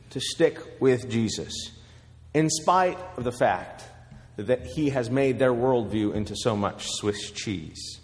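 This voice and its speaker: A man preaching a sermon, telling a story with measured pauses. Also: medium pitch, in a large hall.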